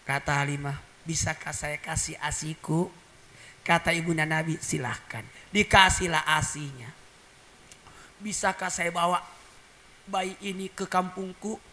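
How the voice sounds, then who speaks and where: A man's voice: a little high, fairly even intonation, a little slow, pushed and bright. A man preaching a humorous sermon, telling a story and acting out voices and animal sounds for the congregation. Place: religious gathering.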